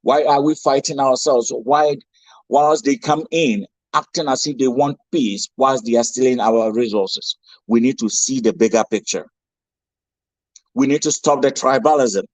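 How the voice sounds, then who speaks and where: A Ghanaian man with a mid-range voice speaks a little slowly, delivering an impassioned guest speech packed with rhetorical questions and repetition. The recording is dry and the audio quality is poor.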